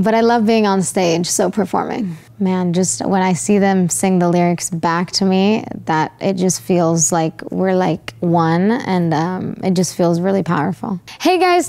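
A woman's voice: mid-range voice, darkish tone. Bubbly young woman chatting casually. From United States. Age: young adult. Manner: bubbly, chatty, laughs often, many fillers. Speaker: guest pop singer. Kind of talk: casual interview reactions. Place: studio with green and purple backdrop. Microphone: lapel.

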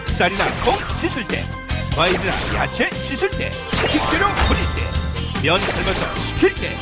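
A woman narrating a hard-sell shopping ad in an urgent, exclamatory sales pitch. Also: wildly swooping pitch, normal speed. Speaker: TV shopping ad voice-over announcer. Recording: loud backing music. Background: loud music.

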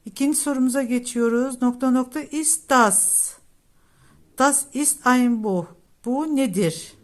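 A woman teacher talks through test questions at a slow, deliberate pace. Her voice sits a little high, and she reads each option before giving its meaning. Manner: reads each option aloud, then gives the Turkish meaning. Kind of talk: exam prep lesson walking through test questions.

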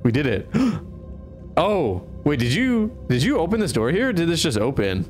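A man giving live commentary while playing a horror game, his voice jumping all over with excitement. He reacts fast and laughs easily as the game surprises him. Faint game music sits in the background. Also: fairly high pitch. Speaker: streamer.

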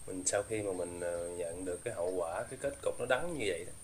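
Low-pitched man, ghost-hunter host, probing questions, faint crickets. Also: a little hiss or hum. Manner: slow, probing questions with hesitant fillers.

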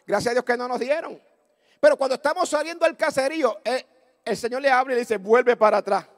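A male pastor, preaching a fervent Pentecostal sermon through a story that builds to loud exclamations. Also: very high voice, fast talker. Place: church service.

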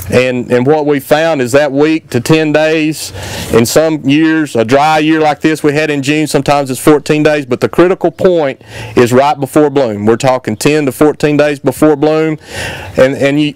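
A middle-aged man talks through a handheld mic at an outdoor farm field day. His voice is smooth and clear, and the sound stays dry and close. He keeps it relaxed and plainspoken, with plenty of fillers and restarts. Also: on the high side, no echo. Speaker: extension cotton agronomist. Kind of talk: field day talk to farmers. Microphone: handheld microphone.

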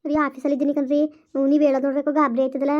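A woman's voice: sits high, flat delivery, rapid-fire. Brief: woman in village skit, soothing manner, dull lo-fi sound.

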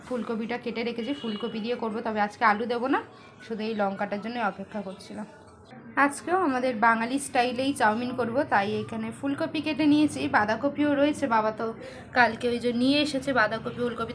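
A young woman, talking fast and chatty in a casual home vlog, teasing her family along the way. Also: a little high, steady tone. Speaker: vlogger. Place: family home kitchen and garden.

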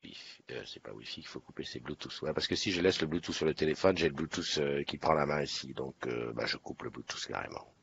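A man's voice: very deep voice, fast talker, vocal fry, a bit bright, husky, dull audio. A man hosting a casual morning live stream, chatty and upbeat, greeting viewers one by one by name. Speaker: livestream host. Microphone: webcam setup.

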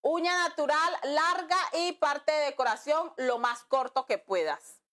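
A slightly slow, high, a bit bright female voice belongs to a nail art instructor giving a class over a live stream. Chatty throughout, she reads comments from her audience and calls them "amiga" and "mi amor."

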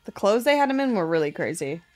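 A woman in her twenties co-hosts a podcast, speaking very animatedly and fast in a mid-range voice, with faint music behind her. Her chat is casual, sweary and slangy, packed with "like," recorded on a close podcast mic on a boom arm in a small indoor room.

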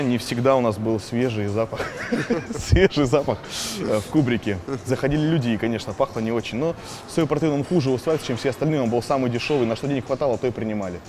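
Male, 20s, quick chatty bodybuilder in a gym, soft music underneath. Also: mid-range voice. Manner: chatty, addresses viewers directly. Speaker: bodybuilder guest. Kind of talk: casual talk to viewers. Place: indoor gym.

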